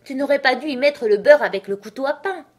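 A woman voicing the mad male Hatter in a storybook reading, speaking high, loud and scornful. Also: sing-song, moderate pace. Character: mad male Hatter, rude, fussy and contrary.

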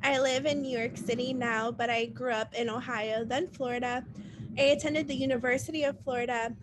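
A woman in her thirties from Puerto Rico, a music teacher presenting an online teacher workshop over a video call in a calm, earnest way. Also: a little high, a little hiss or hum. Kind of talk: online professional development presentation.

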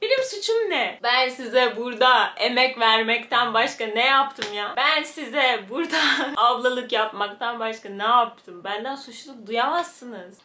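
A young woman in her twenties chatting to the camera in her bedroom, answering viewer comments in a lively, animated way. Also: high-pitched, reverberant. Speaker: fitness vlogger. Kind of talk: casual chat to the camera. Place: small bedroom with shelves, indoors. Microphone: camera in front, head and shoulders framing.

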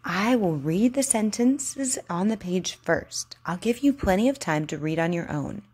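A woman's voice: medium pitch, animated, a little slow, darkish tone, husky. A woman speaking as a speech therapist, giving encouraging instruction and carefully enunciated read-aloud practice.

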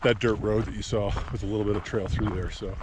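A middle-aged man talking casually while hiking a mountain trail, speaking to a handheld action camera in a relaxed, rambling way with fillers. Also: on the low side, quick pace, noisy background. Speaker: hiking vlogger. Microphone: action camera held at arm's length.

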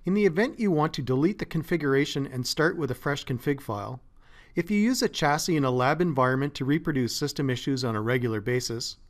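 A man narrating a scripted step-by-step tech tutorial as a support engineer, in a steady, methodical way. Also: medium pitch, fast. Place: voice-over, not recorded in the pictured place.

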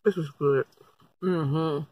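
A woman's voice: low voice, steady tone, takes it slowly, highs cut off. A woman chatting on her food vlog with her mouth full of food, bossy and teasing, in a truck. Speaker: vlogger tasting food with her partner. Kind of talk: casual food-tasting vlog chat. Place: inside a parked truck.

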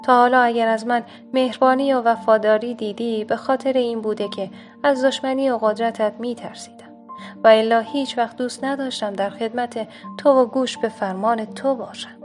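A woman's voice: fairly high pitch, steady tone, soft background music, natural voice. A woman voicing a sly, scornful fox in a told folk tale, speaking in a mocking, reproachful way.

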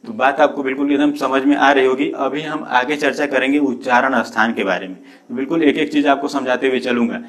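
A man's voice: medium pitch, brisk, fairly bright tone. A man teaching a video lesson. He asks questions and answers them himself, and sounds out letters one at a time. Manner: repeats questions and answers them himself, often says "दोस्तों". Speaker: Hindi grammar teacher. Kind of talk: classroom-style video lesson.

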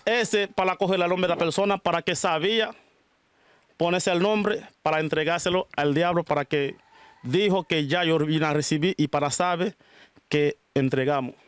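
A man's voice: a little high, normal speed, smooth. A Dominican man with a Dominican Spanish accent, answering interview questions about his spiritual work and calling people mijo. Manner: calls people mijo and mija, repeats blessings. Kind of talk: casual interview.

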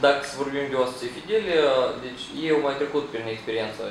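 A man in a training session answers questions haltingly and stops to find his words. His voice sits at medium pitch and sounds far off in an echoing room. Steady noise runs behind him. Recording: echoey room, distant mic, background noise.

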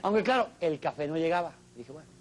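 Male comic, exclamatory stage delivery, high-pitched. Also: expressive, fast talker. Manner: theatrical, exclamatory, addresses live audience. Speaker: stand-up comedian host. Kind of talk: stand-up monologue. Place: television studio stage with audience.

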